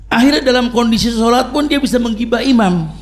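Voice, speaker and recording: A man's voice: very high-pitched, expressive, brisk. A middle-aged man preaching a humorous sermon, telling stories and chanting Arabic recitations.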